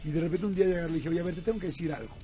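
A man with a Mexican accent telling a story in casual chat, animated, laughing often and acting out quoted voices. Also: fairly high pitch, rapid-fire, soft background music. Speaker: guest.

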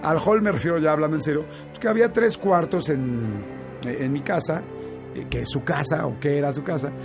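Animated Mexican man telling a story. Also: a little high, brisk, over music. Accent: Mexican Spanish. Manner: animated, with many fillers and restarts. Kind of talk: casual storytelling chat.

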